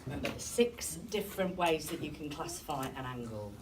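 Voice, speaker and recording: A woman teacher runs a classroom lesson, tossing out questions and praising answers. Her voice rises and falls in lively swings. It sounds like a distant classroom recording with steady background noise. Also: low-pitched, fairly quick. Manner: questioning students, encouraging.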